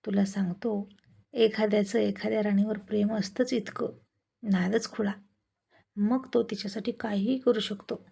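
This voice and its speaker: A woman voicing a short-tempered husband who teases and blusters, in a gravelly, dark voice. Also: medium pitch, steady tone, moderate pace. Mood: teasing. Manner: teasing, then crude and blustering. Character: gruff short-tempered husband, adult man.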